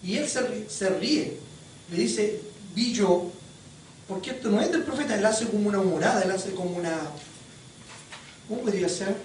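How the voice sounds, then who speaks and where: A preacher gives a sermon in an animated storytelling manner and keeps quizzing the congregation. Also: mid-range voice, a little fast. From Chile. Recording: very echoey hall, distant mic, faint noise.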